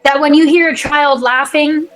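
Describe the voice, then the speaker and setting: A woman's voice: high-pitched, steady tone, normal speed, fairly bright tone, faint music behind, rough recording. A woman hosting a casual spiritual podcast chat, gushing and effusive, with many "like" and "you know" fillers. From not Ireland. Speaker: podcast host.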